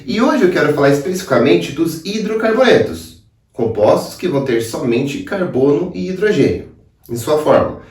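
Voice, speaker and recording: Man, Brazilian Portuguese accent, chemistry teacher, animated pitch, roomy echo, somewhat off-mic. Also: normal speed. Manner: lively, asks himself questions and answers them. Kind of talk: video lesson explaining at a board. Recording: roomy sound, voice a bit far from the mic.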